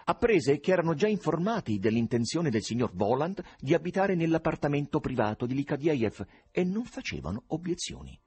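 A man reading an audiobook aloud, with an expressive, varied delivery. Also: on the high side, brisk, hardly any pauses, husky. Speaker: audiobook reader. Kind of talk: dramatic audiobook narration.

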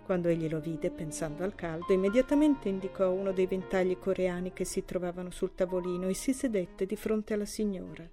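A woman narrates a literary audiobook in a calm, even storytelling voice. Her tone sits on the low side and sounds warm and mellow. Faint music plays softly behind her. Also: brisk, few pauses.

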